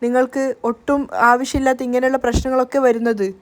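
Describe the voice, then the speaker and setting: A woman playing a fearful, caring young woman in a spoken story recap. Her voice is high and bright, with a pleading, worried way of talking. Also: level tone, fast talker, close to an everyday voice.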